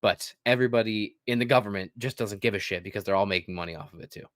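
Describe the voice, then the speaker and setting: A man's voice: fairly low pitch, fast talker, fairly bright tone, no room sound, studio quality. A man co-hosting a casual gaming podcast, talking loosely and profanely with a sardonic edge, half reading from a script. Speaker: podcast co-host.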